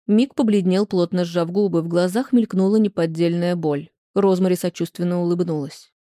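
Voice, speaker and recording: An audiobook reader narrating a romance novel in a measured, even way. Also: mid-range voice, no room sound, studio quality.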